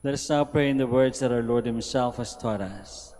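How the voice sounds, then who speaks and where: Priest guy intoning prayers slow and solemn, mid-pitched, big cathedral echo all around. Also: a little mellow. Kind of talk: liturgical prayer recitation. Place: large church. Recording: long cathedral reverb.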